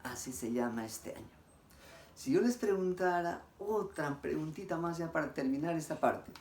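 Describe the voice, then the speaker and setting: A male teacher, recorded a little away from the mic in a roomy, echoing space. His voice is mellow and dark. He asks his pupils questions, pauses, and answers them himself with warm praise. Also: fairly high pitch, far from the mic, a little hiss or hum. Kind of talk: recorded classroom lesson.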